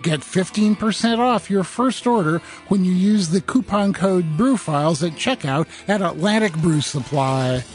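A man reading a sponsor ad for a shop in a brisk sales-pitch delivery. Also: expressive, faint music behind. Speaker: ad announcer. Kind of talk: read advertisement.

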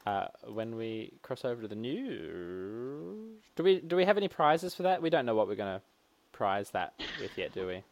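A man co-hosting a casual gaming podcast, playful and animated, often laughing. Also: medium pitch, moderate pace. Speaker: podcast co-host.

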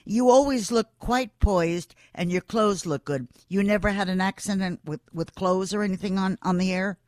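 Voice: medium pitch, normal speed, darkish tone, no echo, studio quality. An older interviewer chatting casually, with blunt, teasing questions. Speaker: interviewer, former TV anchor.

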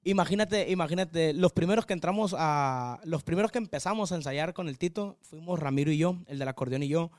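A young man from Mazatlán with a strong Sinaloan accent, chatting as a podcast guest in an energetic, rambling way. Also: a little high, dry recording, clean studio sound. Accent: northwestern Mexican, Sinaloa. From Mazatlán, Mexico. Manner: energetic, hyperactive, rapid rambling talk. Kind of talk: casual chat.

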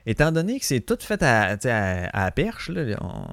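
A man's voice: mid-range voice, huge pitch swings, moderate pace, vocal fry, fairly bright tone, dry recording. Quebec guy rambling on his podcast, swears a lot, mid voice, dry room. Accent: Quebec French. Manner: rambling, slangy, swears freely. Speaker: podcast host. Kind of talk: casual storytelling monologue.

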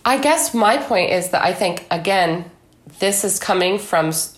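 Her medium-pitched voice is expressive and a little slow as this guest author and commentator offers opinions in a casual political conversation. She talks conversationally, often mimicking what others say in mock dialogue, with echo from the room.

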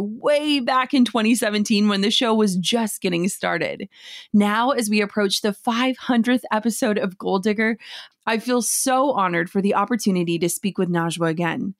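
A woman's voice: mid-range voice, no echo, clean studio sound. A woman hosting a podcast interview, enthusiastic and effusive as she welcomes back a guest. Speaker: podcast host.

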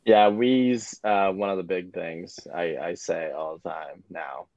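A man's voice: deep voice, steady tone, takes it slowly, darkish tone, no room sound. A young man in his twenties, a native Japanese speaker with a North American accent, answering interview questions hesitantly as a guest ice hockey player. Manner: hesitant, many fillers and restarts. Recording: dull lo-fi.

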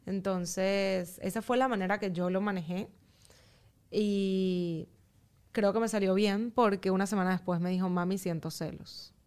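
A woman guest on a podcast, speaking calmly and in a measured way as she explains her parenting approach step by step. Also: mid-range voice, smooth. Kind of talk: casual chat.

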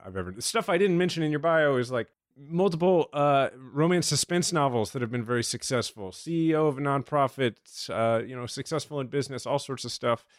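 In this clean, echo-free studio recording, a mid-range male voice chats casually as a podcast co-host. He's enthusiastic and rambles, breaking off and restarting his sentences and using frequent fillers.

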